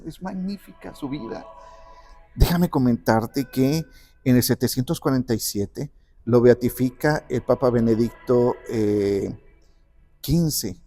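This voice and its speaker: Man, conversational storyteller, acts out dialogue, mellow dark voice, faint background music. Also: medium pitch. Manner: animated, acts out quoted dialogue. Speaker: guest speaker on the parish patron saint.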